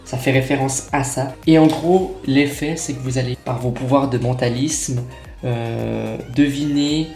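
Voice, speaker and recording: A young man talks his way through an unboxing in a loose, chatty manner, full of fillers and self-corrections. His voice sits in a middle pitch. The room is echoey, with faint music behind. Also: steady tone, unhurried, vocal fry, darkish tone. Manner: chatty, many fillers and restarts. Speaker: magic unboxing vlogger. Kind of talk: casual unboxing chat. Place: room at a table. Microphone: camera on tripod.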